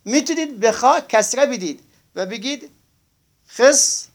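High, gravelly male teacher drawing out words. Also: expressive, a bit bright. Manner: slow, drawn-out spelling of words, asks class to confirm. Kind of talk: Arabic grammar lesson.

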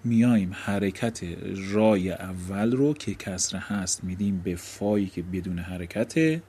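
Male teacher, husky and low, walks through grammar rules by asking himself questions. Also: mellow. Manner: explanatory, asks and answers own questions. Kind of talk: Arabic grammar lesson.

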